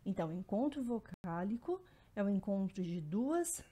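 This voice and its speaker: Mellow-voiced woman teaching. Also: medium pitch, sing-song, normal speed, husky. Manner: explanatory, repeats terms, frequent "né" and "então". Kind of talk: recorded Portuguese phonetics lesson.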